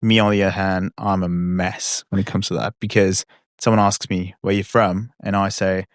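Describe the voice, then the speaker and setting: A man's voice: low voice, flat delivery, normal speed, dry recording, clean studio sound. A male podcast host with a mixed Australian and British accent, chatty and rambling in a casual way. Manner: chatty, rambling, self-deprecating. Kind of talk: casual interview chat.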